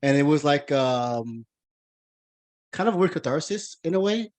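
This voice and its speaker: A man's voice: on the high side, expressive, measured pace, a little mellow. Rambling American man hosting a podcast. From United States. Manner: rambling, many restarts and fillers. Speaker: podcast host. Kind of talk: casual interview chat.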